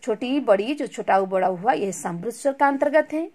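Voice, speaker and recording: A woman's voice: on the high side, expressive, moderate pace, a little mellow. A woman teaching a recorded lesson, asking questions and answering them herself, mixing in English words. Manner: mixes English words into Hindi.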